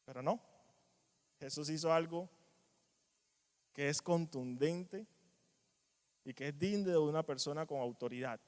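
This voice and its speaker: A man preaching a sermon in a church, animated, acting out quoted cries and dropping to quiet asides. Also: a little high, unhurried, pauses often. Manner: animated, acts out quoted voices, strong swings in loudness. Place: church hall. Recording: long church reverb.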